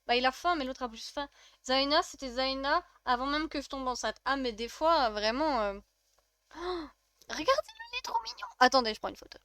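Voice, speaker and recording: A woman's voice: high-pitched, a little fast, pushed and bright, clean tone, dry recording. A young woman with a French accent streaming a life-sim game, chatting casually and gushing as she reacts to her chat. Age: young adult.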